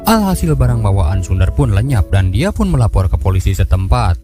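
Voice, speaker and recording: A man's voice: lowish voice, sing-song, fairly quick, dark tone. A man giving a scripted storytelling narration of a film recap. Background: background music.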